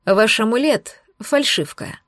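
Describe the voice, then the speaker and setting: A stern male werewolf boss, read by a woman narrator in an audiobook. He speaks in a dry, cold, clipped way, a little lower and quieter than the narration. The recording is close and dry. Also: unhurried, dry recording.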